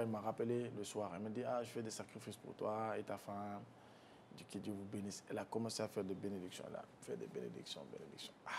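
A man recounting a personal loss in an interview, speaking softly and haltingly, with frequent restarts and a voice that drops low at painful moments. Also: a little hiss or hum. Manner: soft-spoken, halting with restarts, low when recalling grief. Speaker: guest.

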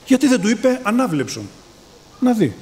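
A man's voice: high voice, very animated, darkish tone, a little hiss or hum. A man preaching a sermon, often calling his listeners brothers and swinging his voice up and down for emphasis. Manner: calls listeners brothers, voice rising and falling in emphasis.

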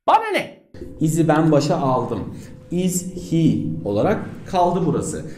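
A man teaching English with jokes and mocking asides, lively and teasing. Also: on the high side, measured pace. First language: Turkish. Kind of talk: comedic lesson rant.

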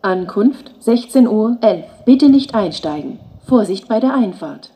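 Female station announcer, flat platform announcement, mellow and measured, faint ambience behind. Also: mid-range voice, a little hiss or hum. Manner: flat, measured, segmented delivery.

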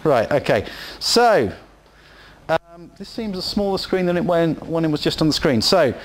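An Englishman with a West Country accent gives a chatty, rambling conference talk in a hall, full of ums and asides. His voice sits on the high side and sounds animated, at a moderate pace.

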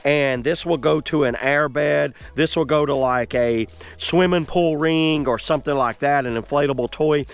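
An enthusiastic man talks through a gadget demo, filming it himself outdoors. His voice sits a little on the high side, and he keeps things chatty and loose. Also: moderate pace, clean tone. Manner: enthusiastic, chatty, lots of "like" fillers. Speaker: product reviewer. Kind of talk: casual hands-on product demo. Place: outdoors on grass.

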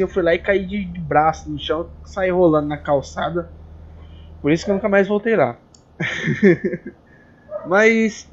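A young man from Paraná, Brazil, chatting casually over a game, excitable and joking, with a lot of swearing. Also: high voice. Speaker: gaming YouTuber. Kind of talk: casual gameplay chat. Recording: dull lo-fi recording.

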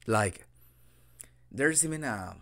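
In an improvised roleplay, a young native Spanish speaker from Mexico plays a boyfriend casually teaching the language, his Mexican accent clear. His medium-pitched voice is animated yet slow, with vocal fry and a fairly bright tone. He's giggly and dorky, hesitant, and self-deprecating throughout.

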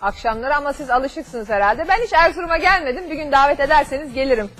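Female call-in host, middle-aged, high voice, studio sound, explains step by step with customer service courtesy. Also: quick pace, fairly bright tone. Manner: explanatory, with everyday examples and lists. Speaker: TV host giving financial advice to callers. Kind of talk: live call-in advice show, explaining conversationally. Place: TV studio at a desk. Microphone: lapel mic.

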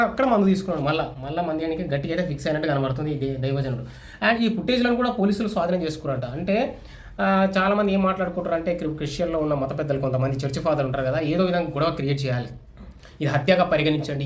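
A man giving casual, opinionated spoken news commentary, with many restarts and fillers. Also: fairly high pitch. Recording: echoey room with faint ambient noise.

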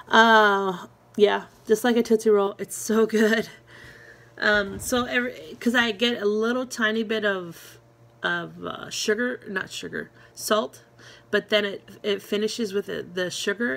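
A woman's voice: on the high side, fairly bright tone. A woman talking casually to her viewers in a vlog, rambling with many fillers and restarts, friendly and encouraging. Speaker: vlogger. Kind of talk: casual chat to camera.

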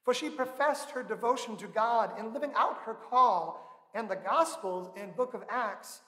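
A man in his thirties preaching a sermon from a church pulpit, measured and earnest, leaning on slow emphatic stresses. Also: high-pitched, pushed and bright. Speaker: pastor. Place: large church sanctuary, indoors. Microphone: pulpit microphone. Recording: echoey church with long reverb.

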